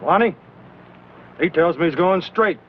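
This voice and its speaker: A man's voice: high-pitched, lively intonation, a little slow, slight background noise. An American actor playing an authoritative frontier lawman giving clipped orders in an old western film. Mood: steady, resolute. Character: commanding frontier lawman leading a posse. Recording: dull old film soundtrack with music.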